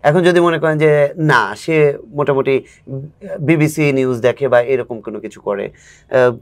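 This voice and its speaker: A man's voice: medium pitch, measured pace. A man who coaches spoken English, a guest in a casual interview, explaining patiently and acting out examples.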